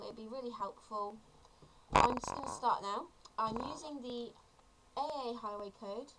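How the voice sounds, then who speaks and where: A woman's voice: mid-range voice, fairly bright tone, slight background noise, low-quality recording. A seventeen-year-old woman, chatty and earnest, explaining a topic in a casual tutorial vlog. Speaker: vlogger.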